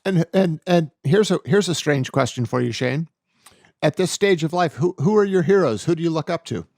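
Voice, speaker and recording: Gravelly-voiced male podcast host. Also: on the high side, lively intonation, dry recording, clean studio sound. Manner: quiet affirmations, measured questions. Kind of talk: interview and scripted outro.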